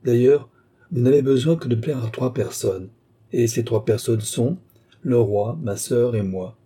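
Man doing a teasing, condescending court lady for an audiobook, raised dark husky voice. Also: medium pitch, measured pace. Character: mocking young court woman, teasing and commanding. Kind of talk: audiobook character reading.

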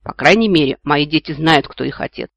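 A man doing a creaky spiteful old dragon ghost. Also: fairly high pitch, a little fast, a bit bright, no echo. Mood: snide, furious. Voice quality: creaky, snide.

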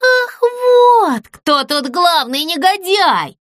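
Woman shouting as an angry talking mailbox. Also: extremely high pitch, expressive, normal speed, no room sound, clean studio sound, pitched above the performer's own voice, exaggerated voice. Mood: threatening. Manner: shouting, indignant. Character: angry hot-headed talking mailbox, male.

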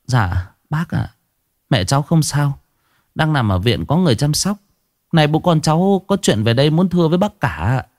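A man's voice: a little high, big pitch swings, normal speed, no echo, clean studio sound, voice pushed up. A man voicing an anxious young daughter-in-law who stammers and pleads. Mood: polite.

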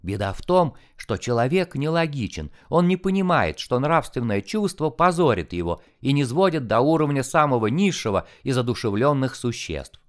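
A calm, scornful angel, voiced by a man reading an audiobook, lecturing in a measured, contemptuous tone. His delivery swings widely in pitch, rising and sinking to press his points. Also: lightly acted.

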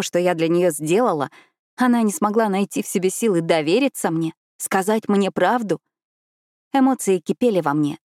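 A woman narrating a novel in the first person, with measured, dramatic storytelling. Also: fairly low pitch, a little mellow, no room sound, studio quality. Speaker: audiobook narrator.

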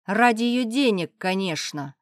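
A woman voicing a stern, angry elderly father in a wheelchair who shouts with scorn. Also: mid-range voice, lively intonation, unhurried, no echo, studio quality, pitched above the performer's own voice, lightly acted. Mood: indignant.

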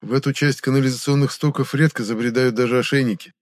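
A man voicing a vengeful half-blood male slave who speaks quietly and flatly, without emotion. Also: mid-range voice, fast talker, no echo, studio quality, pitched above the performer's own voice, natural voice. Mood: cold. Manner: quiet, flat and detached.

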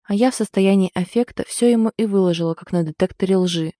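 An anxious, protective young friend, as a woman reads her in an audiobook, full of worried, hurried pleading. The tone stays warm and mellow. The sound is dry and close, with no room around it. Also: medium pitch, no echo, lightly acted.

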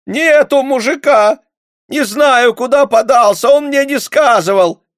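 A woman's voice: high voice, unhurried, dry recording, clean studio sound, pitched above the performer's own voice. A man reading an audiobook voices a desperate peasant woman, wailing and pleading in rustic speech. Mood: alarmed wailing.

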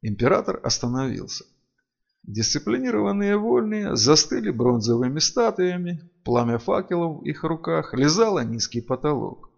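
A man narrating a fantasy audiobook in an expressive, sing-song reading style. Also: on the high side, moderate pace, gravelly, lo-fi sound.

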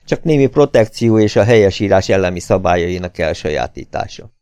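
A man voicing a wry, calm condemned young man in an audiobook, speaking with sardonic irony. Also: low voice, clean tone, no echo. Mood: mocking. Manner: sardonic, ironic.

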